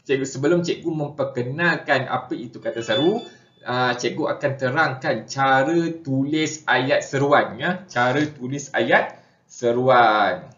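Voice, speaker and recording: A young Malaysian man gives a casual language lesson, his mid-pitched voice relaxed and chatty, with frequent filler words. The recording is roomy and echoey, with a slightly dull, muffled tone. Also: a little slow. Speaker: teacher.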